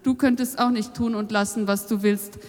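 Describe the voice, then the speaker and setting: A woman's voice: mid-range voice, fairly even intonation, normal speed, darkish tone, lightly acted. A woman voicing an easygoing, grumbling, beer-drinking God in offhand colloquial speech, in a long hall reverb.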